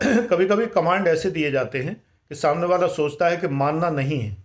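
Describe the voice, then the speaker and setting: Older male speaker, calm explanatory advice, slightly high voice. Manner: measured, explanatory, mixes in English words. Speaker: life management speaker.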